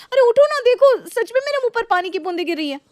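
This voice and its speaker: A woman's voice: very high voice, big pitch swings, very fast, no echo, studio quality, pitched above the performer's own voice. A woman voicing a stubborn, defiant young daughter-in-law who complains indignantly.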